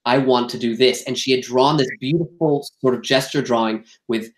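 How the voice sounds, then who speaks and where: A man, a theater actor and director, telling candid stories, animated and acting out quoted exchanges. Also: mid-range voice, normal speed. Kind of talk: candid interview storytelling. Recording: roomy echo.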